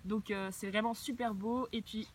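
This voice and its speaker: A woman's voice: medium pitch, steady tone, normal speed. A young woman chatting casually and enthusiastically while unboxing outdoors near horses, with plenty of fillers. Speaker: equestrian vlogger. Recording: noisy outdoor ambience.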